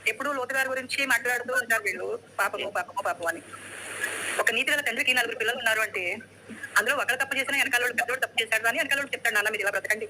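A woman's voice: a little high, racing, bright, forceful tone, a little hiss or hum, low-quality recording. A woman calling into a live stream, preaching in a fervent, sermon-like manner.

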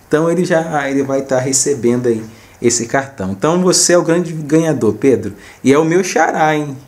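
Narrating a screen recording for his small gaming channel, a Brazilian-accented host speaks to his viewers in a relaxed, informal way and frequently says things twice. His voice is a bit high with a darkish tone.

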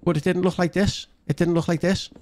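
High-pitched and brisk, with a flat delivery and a darkish tone, a man around his thirties or forties talks through a game for his channel. He chats casually and thinks aloud, sitting indoors at his gaming setup with a desk mic close by.

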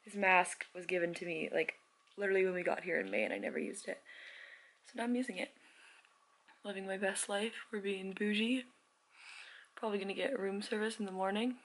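A young woman vlogging casually to camera from a hotel room, hoarse and losing her voice, chatty and self-mocking. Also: medium pitch, expressive, fairly quick, pauses often. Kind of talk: casual vlog chat to camera.

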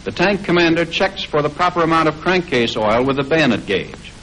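Narrating a 1940s military training film, an American man speaks in a fairly high-pitched, animated, fairly bright voice. His delivery is formal and measured, like scripted instruction, and the old soundtrack is somewhat noisy.

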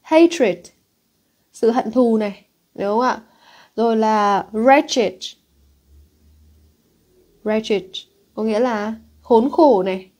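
A woman's voice: on the high side, slow, long pauses, a little mellow. A woman English teacher with a Northern Vietnamese accent, teaching an exam-prep lesson and reading English words aloud before explaining them, often asking students if they have followed.

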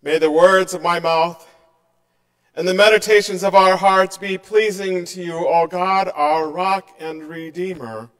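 A middle-aged man delivers a sermon from behind a church pulpit, speaking slowly and earnestly. His voice sits a little high for a man, and it softens as his phrases end. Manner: slow, measured and earnest, voice dropping softly at line ends. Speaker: pastor.

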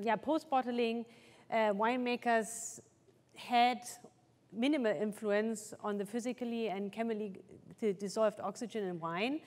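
Middle-aged woman presenting at a conference, lots of ums and restarts, long echo in a big hall. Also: a little high. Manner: hesitant, many fillers and restarts. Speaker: conference speaker, wine researcher. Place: large lecture hall.

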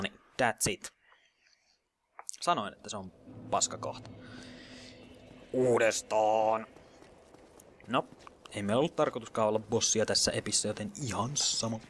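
A man's voice: fairly low pitch, a bit bright, slight background noise. A man giving casual let's play commentary, chatty and muttering, sometimes dropping to a whisper in tense moments and mixing in English gaming slang.

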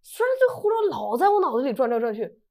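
Brief: woman, 30s, quick chatty storyteller, slightly high voice. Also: very animated, vocal fry, a little mellow. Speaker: guest sharing a testimony. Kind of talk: casual testimony storytelling.

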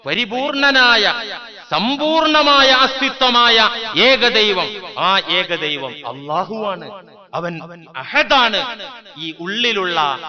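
A male Islamic preacher giving a sermon. He chants scripture slowly, then explains it phrase by phrase and puts rhetorical questions to his listeners. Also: high voice, pushed and bright. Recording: dull lo-fi recording with a crowd audible.

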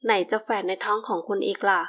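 A doting, playful husband in an audiobook romance, read by a woman in her own near-natural voice. He speaks softly and slowly, fond and teasing toward his wife. Pitch sits mid-range, with no rough edges. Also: fairly even intonation, close to an everyday voice.

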